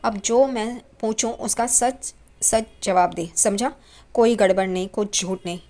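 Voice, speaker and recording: A woman's voice: mid-range voice, a little slow, a little mellow, close to an everyday voice. A woman voicing a stern, angry middle-aged father who scolds and demands answers while retelling a family drama.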